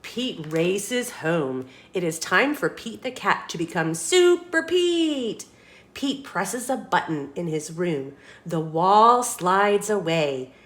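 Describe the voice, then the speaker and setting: In a lowish voice and an unhurried manner, a woman reads a children's picture book aloud as storytime host, staying expressive and dramatic while asking the young listeners questions.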